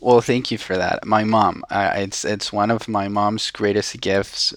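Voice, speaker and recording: Gravelly-voiced Venezuelan-born man. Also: on the low side, steady tone, a little slow, dry recording. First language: Spanish. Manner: earnest, repeats words and restarts often. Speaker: guest, social entrepreneur. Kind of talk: casual interview talk.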